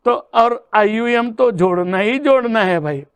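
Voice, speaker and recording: Slow, high-voiced man teaching chemistry. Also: animated, clear, resonant tone, no room sound. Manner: addresses students as "beta", checks each step aloud. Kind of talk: exam-prep lesson solving problems.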